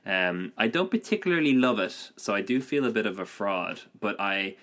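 Low-voiced Irish man as podcast guest. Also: animated, moderate pace, fairly bright tone. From Ireland. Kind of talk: casual podcast chat.

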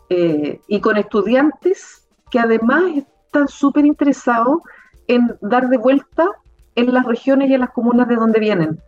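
A middle-aged woman with a Chilean accent speaks in a fairly high voice, emphatic and animated, with many fillers. The sound is slightly dull, and faint music plays behind her. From southern Chile. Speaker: university rector. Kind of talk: conversational interview.

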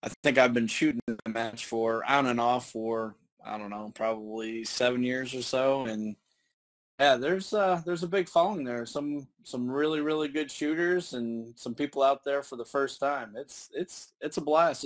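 A man's voice: medium pitch, moderate pace. An upbeat man co-hosting a podcast, chatting enthusiastically. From New York. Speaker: podcast co-host. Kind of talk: casual podcast chat.

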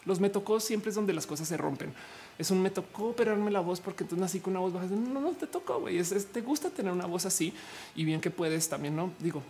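Low-voiced Mexican woman chatting casually. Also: fast, warm tone. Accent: Mexican Spanish. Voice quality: low, androgynous voice. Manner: slangy, rambling, peppered with fillers and laughs. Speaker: streamer answering viewer comments. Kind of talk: casual chat.

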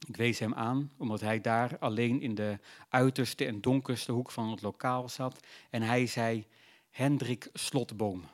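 A man narrating a literary novel in a measured, reflective storytelling voice. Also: medium pitch, fairly even intonation.

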